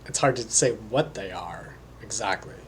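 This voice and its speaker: A man talking alone as a psychic reader, slowly and hesitantly, with many pauses and fillers. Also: lowish voice, a little hiss or hum. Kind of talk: solo monologue.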